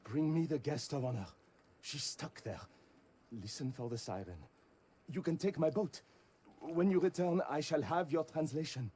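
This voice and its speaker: An actor playing an unsettling male translator who blinded himself, speaking English with a French accent in a calm, measured way. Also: a little high, a little hiss or hum. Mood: eerie calm. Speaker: game character. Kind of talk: video game voice acting.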